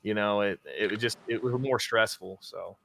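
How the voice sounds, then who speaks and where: A man talking about his YouTube channel as a guest in a casual interview, energetic and laughing often. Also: on the low side, moderate pace, vocal fry, slight background noise. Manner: energetic self-styled hype talker, laughs often.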